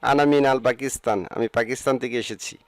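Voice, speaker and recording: A man teaching a language lesson, saying each phrase slowly and then explaining what it means. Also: mid-range voice, fairly even intonation, no echo. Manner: says each Arabic phrase slowly, then gives its meaning.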